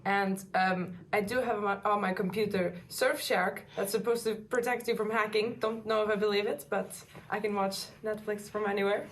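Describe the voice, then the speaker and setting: A woman's voice: medium pitch, fairly even intonation, normal speed, hardly any pauses. A young woman answering interview questions in a matter-of-fact way. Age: teens or young adult.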